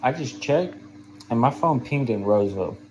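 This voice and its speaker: A man talking through a voice changer that drops his pitch, sounding confused and accusing. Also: lively intonation, normal speed, dark tone, slight background noise. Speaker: clip of a caller on a live stream. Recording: dry, tinny phone-like playback.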